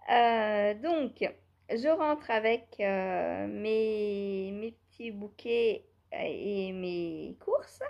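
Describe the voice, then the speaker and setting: A woman's voice: medium pitch, drawn-out words, gravelly, dull audio. A woman vlogger chatting casually and rambling a little, laughing often while she talks. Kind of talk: casual chat while knitting.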